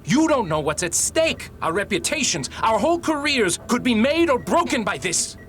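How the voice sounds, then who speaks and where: A woman's voice: on the high side, sing-song, normal speed, a little hiss or hum. A woman playing a bitter, desperate, self-important scientist in a video game, melodramatic and accusing. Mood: desperate, angry.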